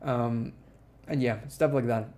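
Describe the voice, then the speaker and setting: A man's voice: mid-range voice, fairly even intonation, slow, darkish tone. A man from Ecuador hosting a casual live stream Q&A, chatting with viewers, reading their questions aloud and using lots of fillers.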